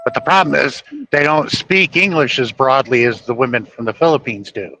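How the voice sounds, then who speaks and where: A man's voice: mid-range voice, normal speed, bright, forceful tone, low-quality recording. A man hosting a podcast, telling stories and insisting on his point in a rambling casual chat. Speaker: podcast host.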